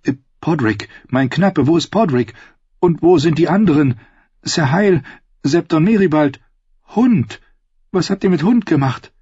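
A man's voice: low-pitched, fairly quick, few pauses, husky, no room sound, muffled recording. A man reading a story aloud, voicing a feverish, wounded female knight who cries out in pleading bursts. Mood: desperate.

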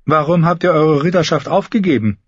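A man's voice: fairly quick, breathy edge, dry recording. A man voicing an earnest, grave young woman warrior in an audiobook, raising and pushing his voice for her lines. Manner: higher, louder put-on voice, questioning. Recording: dull muffled recording.

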